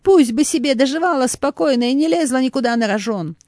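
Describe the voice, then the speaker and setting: A woman's voice: sits high, animated, fairly quick, darkish tone, dry recording, studio quality, pitched above the performer's own voice. A woman voicing an irritable, bossy grown son who scolds curtly, in a read-aloud story. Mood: irritated, scolding. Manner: scolding, curt.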